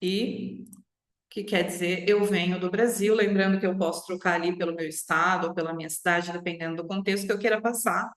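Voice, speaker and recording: This online English lesson comes from a Brazilian woman with a fairly low voice, fairly even intonation and a brisk delivery. Her teaching style is instructive, dotted with short tag questions to check in. The sound is roomy with noticeable echo.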